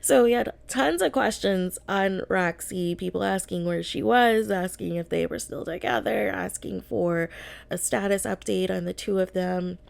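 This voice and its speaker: A woman hosting a casual YouTube reaction recap, sounding slightly sick and pausing often on drawn-out ums as she talks to viewers. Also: mid-range voice, creaky. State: slightly under the weather, getting over an illness.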